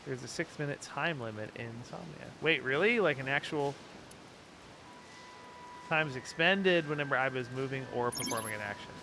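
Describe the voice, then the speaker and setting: A man's voice: mid-range voice, moderate pace, creaky, noisy background. A man giving casual, rambling and joking playthrough commentary as he reacts to a video game. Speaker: gaming streamer.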